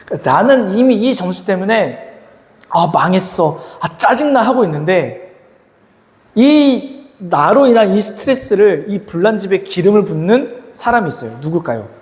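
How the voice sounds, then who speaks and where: A man's voice: high voice, normal speed. A man preaching to teenagers as a youth pastor, often asking the audience questions. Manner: lively, asks the audience questions and acts out quoted voices. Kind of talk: sermon to teenagers. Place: church hall. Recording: echoey hall with long reverb.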